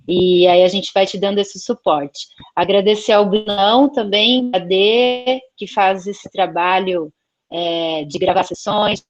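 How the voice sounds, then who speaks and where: A woman's voice: medium pitch, slow pace, dull audio. A woman moderating an online talk over a video call, her audio choppy and glitching as it keeps cutting out. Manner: relaxed and conversational, with many fillers.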